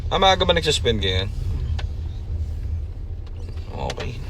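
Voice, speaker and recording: A man from the Philippines walks through his parking garage showing off used cars in a relaxed vlog, joking as he goes. His voice sits at an ordinary middle pitch. Outdoor hum and traffic noise carry steadily behind him. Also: fairly quick. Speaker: used car seller and vlogger. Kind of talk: casual vlog walkthrough. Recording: noisy outdoor ambience.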